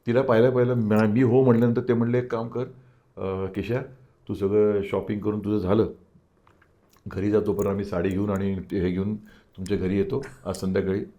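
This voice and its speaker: A man's voice: fairly low pitch, level tone, a little fast, mellow, lo-fi sound. An older man, an interview guest, telling a personal story and acting out the dialogue of the people in it.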